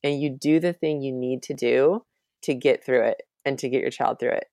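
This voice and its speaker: A woman's voice: a bass voice, steady tone, moderate pace, warm tone, no echo, studio quality. A woman in her thirties, a mother raising two children with Down syndrome, speaking as a guest in an interview in an earnest, reassuring way with many fillers. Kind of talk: conversational interview.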